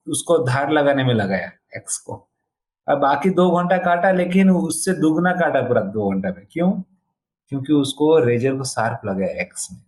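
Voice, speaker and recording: A man, a spiritual teacher, answering youth questions in a devotional talk, explaining through homely stories and mixing English phrases into his Hindi. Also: fairly high pitch. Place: online session.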